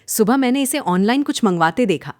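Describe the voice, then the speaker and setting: A woman's voice: on the high side, animated, a little fast, pitched above the performer's own voice, lightly acted. A woman voicing a gossipy, teasing neighbour auntie in a cartoon story.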